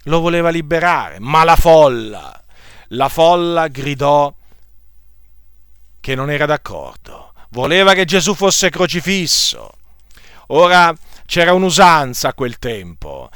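A man's voice: on the high side, big pitch swings, slow, a bit bright, clean tone, no room sound, clean studio sound. Earnest male preacher telling a story. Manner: repeats phrases for emphasis, earnest storytelling. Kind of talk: sermon retelling a scripture story.

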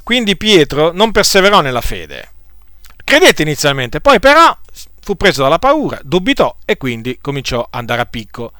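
Bright-voiced man preaching slowly. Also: a little high, sing-song, dry recording, studio quality. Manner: deliberate, with frequent hesitation fillers and repetitions. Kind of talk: sermon.

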